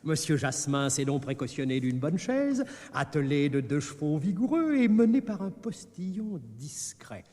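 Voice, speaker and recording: An oily, fawning steward who wheedles his master for payment, his mellow voice sliding up and down. in a 1960s radio operetta with long studio reverb. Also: fairly high pitch, big pitch swings, normal speed, hardly any pauses. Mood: wheedling. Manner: obsequious, wheedling.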